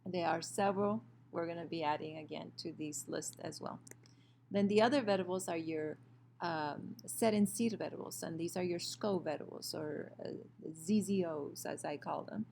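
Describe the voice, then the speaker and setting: Low, gravelly-voiced woman teaching grammar. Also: moderate pace, a little mellow, a little hiss or hum. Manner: explains patiently, with many fillers and self-corrections. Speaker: Spanish teacher. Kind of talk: recorded screen-share grammar lesson. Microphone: computer mic for a screen recording.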